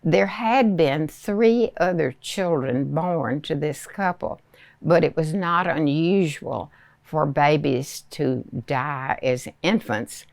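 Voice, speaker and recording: A very old woman in her nineties with a Southern US accent, reminiscing in a hesitant, unhurried storytelling way with many pauses. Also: low voice, vocal fry, darkish tone, no echo. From rural Arkansas, United States. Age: 90s, very old. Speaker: elderly interviewee recalling childhood. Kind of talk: reminiscing oral history.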